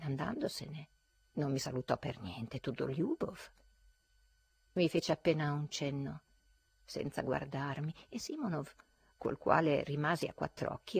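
A woman reading a classic novel aloud in an expressive, dramatic way. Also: sits low, gravelly, slightly rough, dry recording. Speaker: audiobook reader. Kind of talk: literary audiobook reading.

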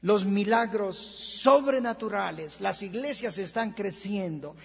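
A man with a Colombian Spanish accent preaching a sermon in a church, impassioned, swinging from quiet talk to shouting. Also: high-pitched, takes it slowly, creaky, husky. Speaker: pastor. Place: church hall. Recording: lo-fi church recording with long reverb.

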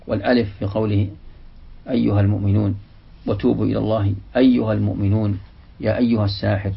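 A man giving a religious lesson, reading a passage from a classical text and then explaining it slowly, repeating the example words. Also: fairly low pitch, vocal fry, husky. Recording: dull, lo-fi lecture recording.

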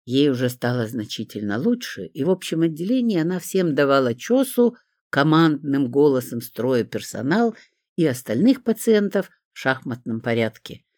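Expressive first-person audiobook reader. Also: medium pitch, normal speed, dry recording, studio quality. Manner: expressive, voices characters.

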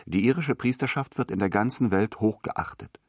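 A self-assured middle-aged man of the world, as a man reads him. He speaks in a deep, calm, lecturing tone. The sound is dry and close. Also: normal speed, dry recording, lightly acted. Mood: knowing.

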